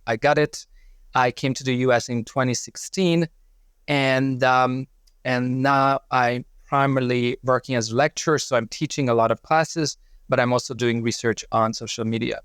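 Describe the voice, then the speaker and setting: A man's voice: mid-range voice, fairly bright tone, clear, resonant tone, no room sound, studio quality. A man from Hungary, a lecturer, answering interview questions thoughtfully with many fillers over a remote call. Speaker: lecturer and guest. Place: joining virtually from home.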